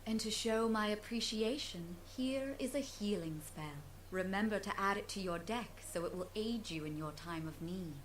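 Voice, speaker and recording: A woman's voice: medium pitch, normal speed, hardly any pauses, close to an everyday voice, low-quality recording. Woman as a solemn fairy lady, faint background noise. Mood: grateful. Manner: formal, earnest storybook delivery. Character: solemn, gracious fairy lady guardian, grave and caring. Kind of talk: scripted video game dialogue.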